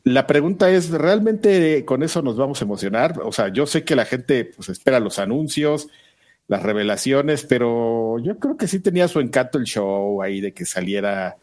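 A man's voice: mid-range voice, expressive, normal speed, darkish tone. A man with a Mexican accent hosting a casual chat, speaking colloquially and a little hesitantly as he meanders through his thoughts. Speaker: host.

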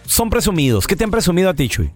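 A man's voice: sits high, very animated, fast talker, a little mellow, faint music behind. A man with a Mexican accent hosting a casual radio chat, prodding with questions. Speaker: radio show host.

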